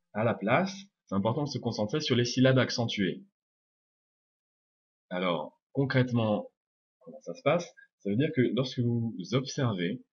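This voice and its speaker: Young male French native, low husky voice, patient step-by-step pronunciation teacher, dull lo-fi recording. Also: a little mellow. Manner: explains step by step, repeats sounds slowly. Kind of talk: video lesson answering viewer questions. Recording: dull lo-fi sound.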